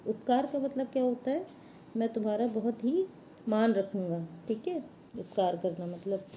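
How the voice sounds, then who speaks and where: A woman's voice: on the high side, lively intonation, moderate pace, dark tone, a little hiss or hum. A woman teacher reading a storybook chapter to children and patiently explaining what its words mean. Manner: patient, explains word meanings simply.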